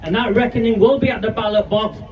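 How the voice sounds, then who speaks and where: A man's voice: high voice, fast. Angry fifty-year-old man addressing a rally. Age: 50s. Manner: angry, defiant and declamatory. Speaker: rally speaker. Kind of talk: outdoor protest speech. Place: outdoors at a street demonstration. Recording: distant, muffled live-stream audio with loud noise.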